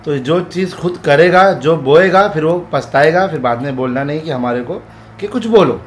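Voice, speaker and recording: A man's voice: on the high side, normal speed, slight background noise. A man vlogging in casual Hindi talk, giving firm, pleading warnings and repeating his points.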